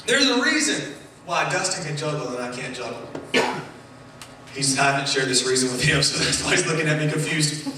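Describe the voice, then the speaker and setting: A man delivers a sermon with a high, bright voice, his words ringing around a roomy church hall. The mic sits some way off from him. He keeps things playful and animated, joking with the people in front of him. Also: a little fast, recorded from a distance, slight background noise. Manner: playful, animated, jokes with the congregation. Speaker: pastor. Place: church sanctuary.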